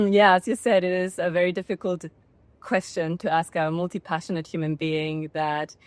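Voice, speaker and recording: A woman in her thirties from Spain joins a podcast over a video call. Her voice is very low and sounds dry, with no room echo. She talks in a reflective, earnest way. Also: fairly even intonation, normal speed, darkish tone. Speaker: guest, digital nomad coach. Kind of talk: casual interview.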